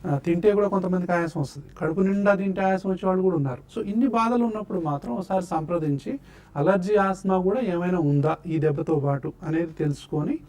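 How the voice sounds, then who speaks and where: A man's voice: high-pitched, quick pace, a little mellow. A man speaking as a doctor on a TV health show, patiently explaining causes and treatments one after another. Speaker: doctor answering health questions.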